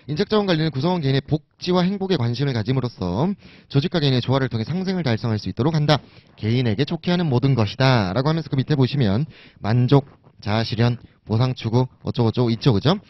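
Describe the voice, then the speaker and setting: Lively, chatty male lecturer. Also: mid-range voice, fast. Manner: conversational, asks and answers his own questions. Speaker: exam prep lecturer. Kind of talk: recorded lecture. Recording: dull lo-fi recording.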